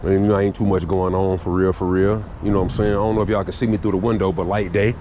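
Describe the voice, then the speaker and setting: A man's voice: deep voice, little pitch movement, quick pace, dark tone, slight background noise. A man hosting a casual vlog from a minibike ride outdoors, talking in a laid-back, slangy way straight to his viewers. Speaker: vlogger host. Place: outdoors around town.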